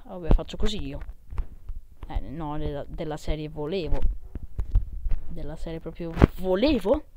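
A young man with an Italian accent giving casual, emphatic, exclamatory gameplay commentary full of slangy complaining. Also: on the high side. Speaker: gamer recording gameplay for videos. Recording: very noisy mobile screen recording with clicks.

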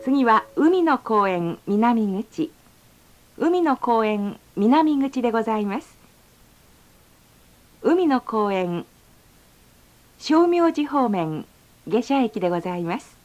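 A woman reading a polite, formal onboard train announcement, slowing down to stretch out each station name. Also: on the high side, very animated. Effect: recorded onboard train announcement. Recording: slightly dull lo-fi sound.

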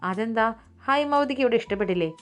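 A woman doing a sharp-tongued old grandmother. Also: a little high, lively intonation, fast, soft background music, pitched above the performer's own voice, close to an everyday voice. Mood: scolding. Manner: scolding, contemptuous.

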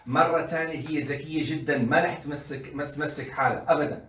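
A man giving an animated colloquial lecture on parenting to mothers, full of rhetorical questions and acted-out quotes. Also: a little high, fast talker, a little hiss or hum. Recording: echoey room, voice from a distance.

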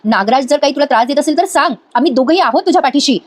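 Woman reading a firm older brother, quick and high-pitched. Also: close to an everyday voice. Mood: concerned. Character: protective elder brother, a stern adult man.

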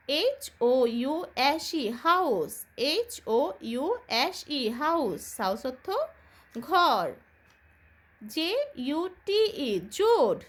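A woman with a Bangladeshi accent teaching a children's English lesson, spelling words slowly letter by letter and answering her own questions. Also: high voice, fairly bright tone.

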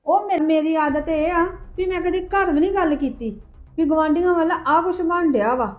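A woman playing a resentful, quick-tempered young woman of the family who confronts her relatives with accusations. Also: very high-pitched. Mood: aggrieved. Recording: dull lo-fi sound with faint music.

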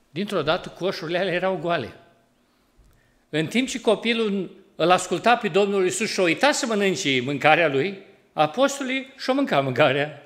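Animated preacher man with a Romanian accent. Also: fairly high pitch. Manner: lively, rising loud when driving a point home; acts out everyday quarrels in a colloquial voice. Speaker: pastor. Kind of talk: sermon. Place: church hall.

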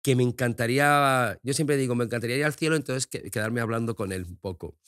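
A man's voice: mid-range voice, fast talker, a bit bright, dry recording, clean studio sound. A middle-aged man, a guest in a casual interview chat, talking frankly and expressively and swearing freely.

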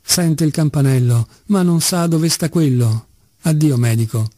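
A man's voice: fairly high pitch, a little slow, warm tone, dry recording. A man reading the part of an insolent, mocking teenage schoolboy in an audiobook. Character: defiant cheeky schoolboy, teenage.

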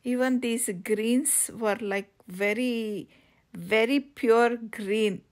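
Woman travel vlogger, slightly high voice, slow and halting casual narration, recorded on a phone outdoors. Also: fairly even intonation. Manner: slow, halting with many fillers and restarts. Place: outdoors on coastal cliffs.

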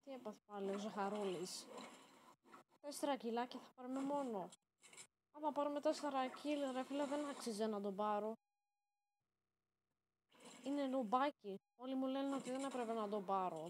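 A woman with a high voice talks through her own match in casual, running commentary. She gets excitable and bursts into sudden shouted exclamations, with faint background noise under her. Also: long pauses. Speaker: gaming channel host. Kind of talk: live game commentary.

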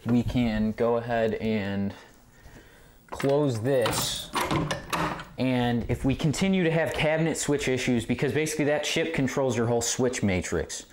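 A man hosts a casual, hands-on pinball repair tutorial in an indoor game room among arcade machines. His voice is mid-range, a little slow and a little mellow. A tripod-mounted camera mic a short distance away picks up clear background noise and clicks.

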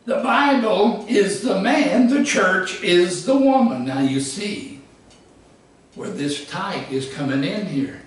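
A man preaching a sermon, emphatic, rising to shouts and dropping low. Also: expressive, takes it slowly. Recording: echoey hall from far off.

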